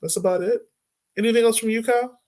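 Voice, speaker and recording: A very high-pitched man rattles along quickly, hosting a casual soccer podcast. He sounds loose and easygoing, leaning heavily on "um" and "like."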